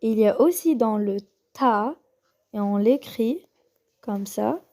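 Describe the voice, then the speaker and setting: Slow-talking woman teaching the Korean alphabet. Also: a little high, animated, darkish tone. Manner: slow, hesitant, with many pauses and fillers; repeats each sound slowly for the learner. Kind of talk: casual lesson on the Korean alphabet.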